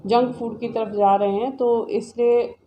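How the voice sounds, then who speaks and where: A woman official giving an explanatory interview statement in a measured way. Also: fairly high pitch, steady tone, lo-fi sound, noisy background.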